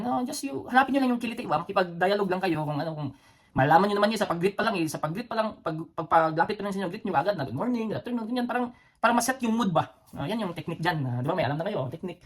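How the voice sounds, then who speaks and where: An adult former soldier with children, this Filipino vlog host has a Cebuano accent and a high, animated, very fast voice with a breathy edge. His casual storytelling rambles along, full of fillers and restarts, with chuckles between phrases.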